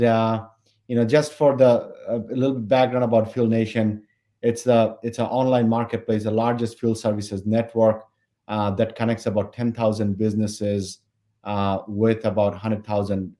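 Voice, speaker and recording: A man in his forties, originally from Bangladesh, answering as a founder on a podcast in a measured way with many fillers. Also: on the low side, warm tone. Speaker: company founder and CEO, guest. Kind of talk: podcast interview.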